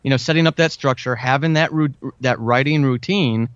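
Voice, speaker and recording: Brisk and enthusiastic, a fiction and audio drama writer in his forties speaks casually yet earnestly as an interview guest. His mid-range voice is a bit bright, clear and resonant, without echo, though the recording itself is dull, lo-fi and band-limited.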